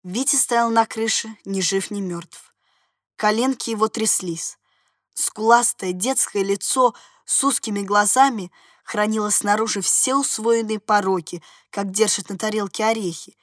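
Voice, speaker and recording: A woman narrating a literary story in a measured, expressive way. Her voice is of middling pitch and recorded dry and close, with no room sound. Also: no echo. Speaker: reader.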